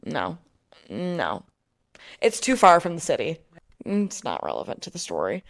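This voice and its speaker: A woman's voice: on the low side, huge pitch swings, a little fast. A woman co-hosting a podcast, telling a weekend story in casual chat, rambling with lots of "like" and frequent swearing. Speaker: podcast co-host.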